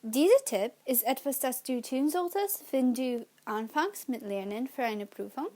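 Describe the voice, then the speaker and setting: A young woman, an English speaker learning German, speaks slowly and haltingly, pausing and correcting herself along the way. Her slightly high voice is animated yet mellow as she casually hosts a study-tips video for her student channel.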